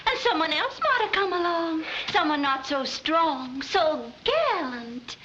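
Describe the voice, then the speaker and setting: High, bright Southern-belle vamp with a fake drawl, coy and breathy, 1940s comedy film. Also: female voice, big pitch swings, slow, a little hiss or hum, heavily acted. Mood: swooning. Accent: put-on American Southern. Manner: coy, breathy swooning and pleading. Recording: dull old 1940s film soundtrack.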